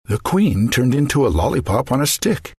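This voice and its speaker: A man reading a children's story aloud in a lively, expressive way, with a husky voice. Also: medium pitch, normal speed, dry recording, clean studio sound.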